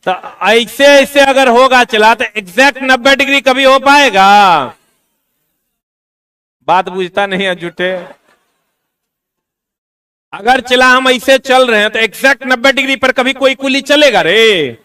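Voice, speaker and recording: A high, bright and clear male voice, speaking slowly and heard from a little distance in a classroom. He lectures exam students in a teasing, scolding manner, full of slang. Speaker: exam coaching teacher.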